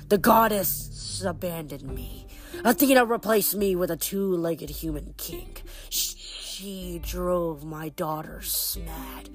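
A woman voicing an ancient, bitter male snake king, speaking slowly as if in a trance. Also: fairly low pitch. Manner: slow, entranced delivery.

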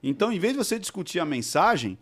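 A man's voice: high voice, very animated, fast, noisy background. A man, a podcast guest and expert who explains things didactically and keeps checking that he is understood. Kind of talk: explanatory conversation.

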